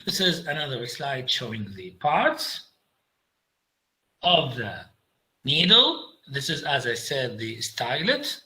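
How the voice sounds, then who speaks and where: A man with an Iraqi accent giving a medical lecture over slides, halting with frequent fillers and slipping into Arabic. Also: mid-range voice, big pitch swings, sharp tone, rough recording.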